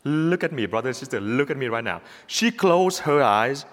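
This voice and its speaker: Animated priest preaching in a reverberant hall. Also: male voice, medium pitch, moderate pace. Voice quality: animated, repetitive emphatic delivery. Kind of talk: Christmas homily. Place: church at Christmas mass.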